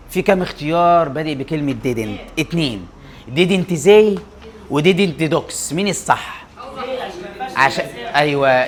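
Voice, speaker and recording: A young man with an Egyptian Arabic accent, teaching an English grammar class. He keeps firing quick questions at his students and answering them himself. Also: fairly high pitch, fairly bright tone, slight background noise.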